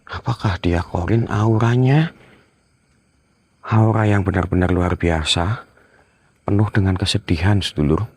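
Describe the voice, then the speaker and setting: Low-voiced man whispering on a night ghost hunt. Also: a little slow, pauses often. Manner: hushed, tense, often murmurs prayers and whispers. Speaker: ghost-hunting vlogger. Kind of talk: night ghost-hunt vlog, speaking to viewers.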